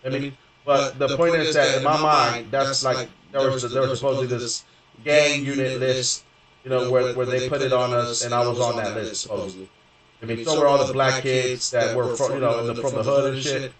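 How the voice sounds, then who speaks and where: Speaking at a moderate pace in a medium, fairly bright voice with fairly even intonation, a young gaming streamer from Houston, Texas, tells a long, casual, profane story full of fillers and restarts. The room is very echoey and he's far from the mic.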